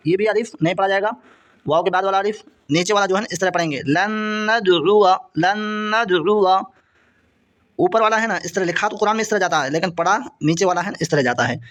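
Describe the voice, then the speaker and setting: High-voiced patient male reading teacher. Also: a bit bright. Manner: reads example words slowly and drawn out, then explains rapidly; repetitive, patient step-by-step pointing. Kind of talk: explaining a lesson.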